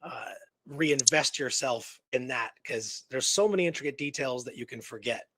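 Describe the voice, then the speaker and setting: On an Old West history show, this co-host talks casually and without a script, wandering through points and repeating things emphatically. He has a medium-pitched, fairly bright voice at a normal speed, in a dry recording.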